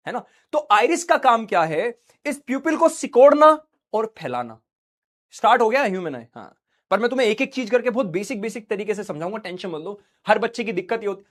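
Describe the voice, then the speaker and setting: Joking male teacher lecturing casually. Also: high voice. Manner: chatty, joking asides, asks class questions. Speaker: online teacher.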